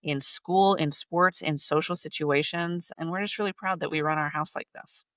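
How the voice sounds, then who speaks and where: A woman in her thirties, a business coach appearing as a podcast guest, speaks bluntly and emphatically in casual interview talk, repeating points for effect. Her low-pitched voice is a bit bright, with fairly even intonation and a moderate pace, recorded at studio quality with no room sound.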